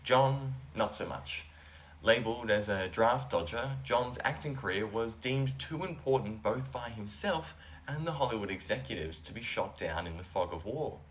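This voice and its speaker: A man's voice: lowish voice, a bit bright. A man hosting a comedy show, delivering a scripted monologue in a dry, sardonic way. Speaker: host.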